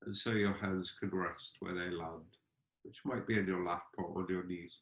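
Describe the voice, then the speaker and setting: Gentle and unhurried, a man with a fairly low, steady-toned voice guides a meditation as a teacher, his exploratory phrases broken up by pauses. The space is roomy and echoing, and the sound is lo-fi.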